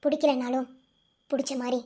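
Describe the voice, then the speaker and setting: A woman's voice: sits high, little pitch movement, moderate pace, dark tone. A woman with a Madurai Tamil accent voicing a frank, chatty young newlywed who lectures her friends.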